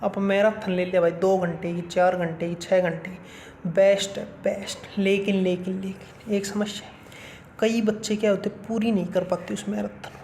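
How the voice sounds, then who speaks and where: A man's voice: sits high, level tone, normal speed, darkish tone, a little hiss or hum. A man giving blunt, colloquial exam-strategy advice as a coaching YouTuber. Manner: blunt, colloquial, keeps saying "bhai sahab".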